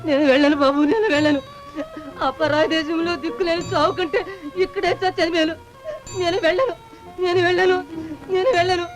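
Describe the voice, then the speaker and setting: A sobbing, desperate woman with a very high voice who keeps repeating her tearful refusal. Loud film music plays behind her. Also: fairly even intonation, a little fast. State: crying.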